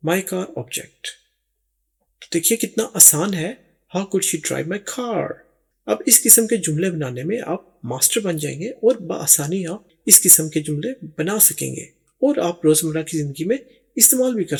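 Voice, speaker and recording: A man teaching English as a voice-over lesson, native Urdu speaker, drawing out the English examples word by word between quicker explanations. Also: on the high side, creaky, darkish tone, breathy edge. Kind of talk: language lesson narration.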